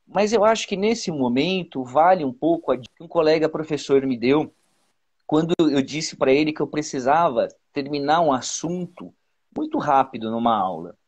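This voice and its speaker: A male teacher with a Brazilian Portuguese accent, giving exam advice in a casual, halting way with many repeated words and fillers, over a video call. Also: on the high side, lively intonation, darkish tone, husky, lo-fi sound. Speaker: teacher, guest.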